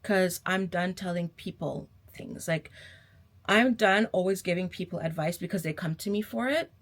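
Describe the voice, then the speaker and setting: A woman's voice: on the low side, normal speed. A young adult woman vlogger giving a casual motivational pep talk to camera, sassy and emphatic, repeating herself and calling her viewers babe.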